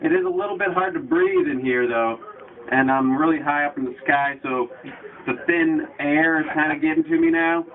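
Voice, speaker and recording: A man's voice: on the high side, sing-song, moderate pace, far from the mic. Man talking muffled under a bucket. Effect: muffled, talking with a bucket over his head. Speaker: station staffer filming the segment. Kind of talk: joking casual chat.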